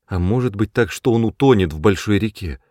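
A man's voice: on the low side, animated, brisk, dark tone, no room sound, studio quality, lightly acted. A man reading an audiobook, voicing an anxious, tender-hearted young girl with a worried, pleading manner.

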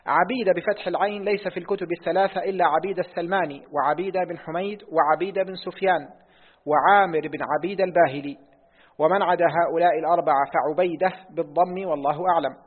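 Brief: male student reciting a text in a lesson, husky voice, tinny hall recording. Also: on the high side, steady tone. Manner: reads quickly, repeats lines on request. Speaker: student reading the text aloud. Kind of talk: reading a hadith text in class. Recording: tinny phone-like audio in a reverberant hall.

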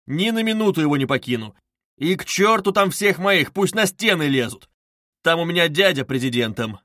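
A man voicing a tipsy young man, loud, blustering and drunkenly emphatic. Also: a little high, lively intonation, moderate pace, no echo, clean studio sound, voice pushed up. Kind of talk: audiobook character reading.

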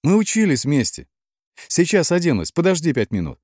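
A man voicing a quick, pushy young woman who talks in eager, chattering bursts. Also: lowish voice, very animated, mellow, no echo, studio quality.

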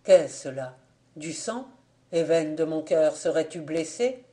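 A man's voice: a little high, measured pace, warm tone, lightly acted. A man reading an audiobook voices a devoted young Breton farmer who speaks in an urgent, pleading way. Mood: alarmed.

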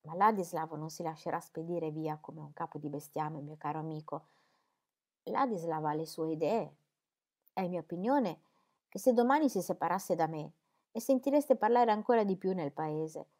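Woman reading as a mild, rambling old gentleman. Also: low-pitched, moderate pace. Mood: placid. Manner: rambling, mild, keeps asking "capite?". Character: placid, stubborn older gentleman, rambling. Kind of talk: audiobook character reading.

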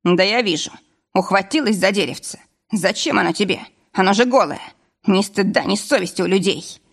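A woman voicing a gruff, bearded, middle-aged male forester who scolds bluntly, in an audiobook. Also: mid-range voice, normal speed, natural voice. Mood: grumbling. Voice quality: rough.

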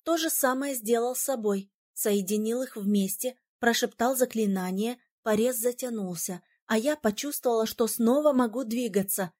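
A woman narrating a fantasy audiobook in the first person with steady, expressive storytelling. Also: fairly high pitch, normal speed, hardly any pauses.

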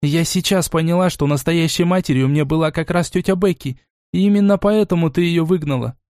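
A headstrong young noblewoman speaks with earnest force, as a man puts her on for a fantasy audiobook. Her voice sits raised and bright. The sound is dry and close. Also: on the high side, a little fast, no echo, pitched above the performer's own voice, close to an everyday voice. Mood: accusing. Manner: earnest, accusing when angry.

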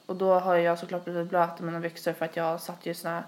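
A young woman hosting a podcast tells a long story in casual chat, rambling, piling up fillers and acting out quotes as she goes. Her fairly low, darkish voice is delivered completely flat.

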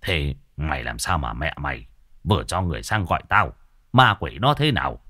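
A man voicing an old village exorcist with a gruff, low voice. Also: big pitch swings, normal speed, sharp tone, no echo, clean studio sound, exaggerated voice. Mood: stern.

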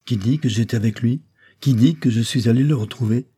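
A man's voice: fairly low pitch, brisk, mellow, slightly rough. A man voicing a young woman witness who answers with trembling, indignant outbursts in an audiobook.

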